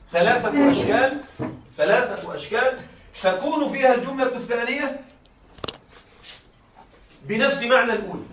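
With an extremely high, slightly bright voice, a man lectures a class on rhetoric, stopping often to confirm students are following and going over his examples again. The mic sits far off in an echoey room with faint noise.

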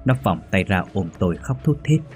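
A man narrating a horror story in a measured, ominous reading. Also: low-pitched, animated, a little mellow. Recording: faint background music.

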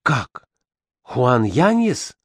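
A man's voice: medium pitch, very animated, extremely slow, slightly rough, no room sound, full character voice. A man puts on a bewildered young boy from a storybook. His voice rises and falls in disbelief, recorded dry and close.

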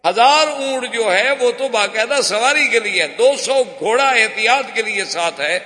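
High, bright-voiced preacher in an echoing hall. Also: male voice, lively intonation. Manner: dramatic narration acting out cries and dialogue. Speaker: Islamic preacher. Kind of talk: sermon storytelling. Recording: long reverb in a hall.

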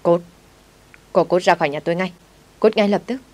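A woman voicing a spoiled, hot-tempered rich young man who shouts orders, in a storybook reading. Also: low voice, steady tone, a little fast, lightly acted. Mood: angry. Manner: shouting, bossy.

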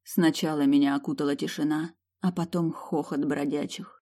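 A woman reading first-person novel narration as an audiobook narrator, in a steady storytelling read. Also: low-pitched, normal speed.

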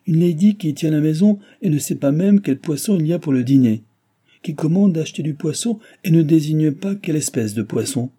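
A man voicing a fussy, complaining middle-aged gentleman who scolds in an indignant, peevish manner. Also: medium pitch, expressive, moderate pace, slightly rough. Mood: exasperated.

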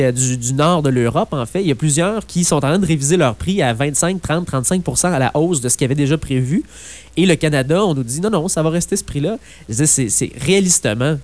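A man with a Québécois French accent, co-hosting a political radio talk show in a chatty, animated way, full of fillers. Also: a little high, brisk.

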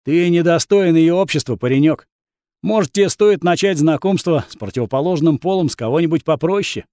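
A man voicing a vain, boastful young swordsman who talks down to others and loses his temper fast. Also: a little high, big pitch swings, a little mellow, no echo, clean studio sound. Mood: cocky. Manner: boastful, contemptuous, hot-tempered.

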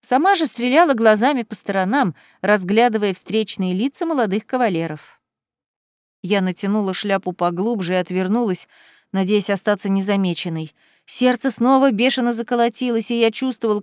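A woman narrating a first-person audiobook in a calm storytelling manner. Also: mid-range voice, dry recording, clean studio sound.

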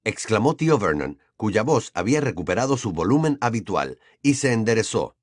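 A male narrator reading a novel aloud with lively, swooping intonation. His voice sits at a middle pitch and is recorded close and dry, with no room sound. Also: normal speed, dry recording. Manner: expressive storytelling. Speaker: audiobook narrator. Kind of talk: scripted narration.

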